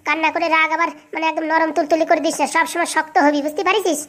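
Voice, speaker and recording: A scheming middle-aged cartoon mother scolds and orders her daughter about in a very high, squeaky voice. She rattles her lines off at a breakneck pace. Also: level tone, quick pace, a bit bright. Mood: bossy. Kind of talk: cartoon voice acting.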